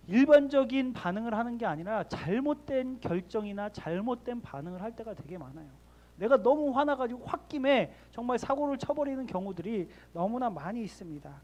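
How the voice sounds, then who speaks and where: A man's voice: high-pitched, a little mellow. Youth pastor, male, delivering a sermon in a church; questions the teens directly, leads the scripture reading. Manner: asks the listeners direct questions. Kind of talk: sermon to middle schoolers. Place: church sanctuary.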